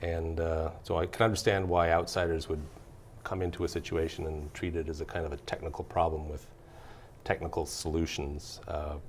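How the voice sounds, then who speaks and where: A man hosting an interview podcast, asking questions by summarizing his guest's points in a measured way. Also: very deep voice, little pitch movement, slight background noise. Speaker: podcast host.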